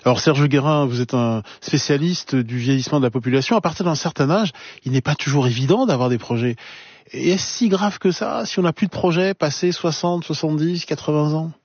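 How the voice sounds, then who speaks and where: A man hosting a studio discussion, asking questions in a measured way and murmuring agreement while guests speak. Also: fairly high pitch, a little mellow, breathy edge, no echo. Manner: measured, frequent murmured backchannels. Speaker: radio host. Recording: slightly dull, muffled sound.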